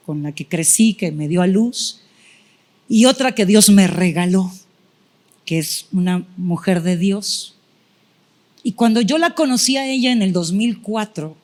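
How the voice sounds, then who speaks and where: A woman's voice: mid-range voice, a little mellow. Middle-aged woman preaching an emotional testimony. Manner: emotional storytelling, acting out her own past prayers. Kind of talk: sermon testimony.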